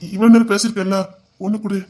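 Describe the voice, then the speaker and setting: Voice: medium pitch, little pitch movement, fast talker, dark tone, close to an everyday voice. A voice actor playing a young husband who earnestly confesses his past temper in an audio drama. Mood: teasing. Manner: earnest, confessional, then teasing. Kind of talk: Tamil audio drama acting.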